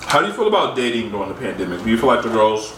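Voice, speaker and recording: Animated, campy American man in an echoey room. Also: fairly low pitch, racing. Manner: campy, slangy, playful talk. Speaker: host of a casual mukbang vlog. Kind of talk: casual chat between friends. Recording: echoey, noisy room, distant mic.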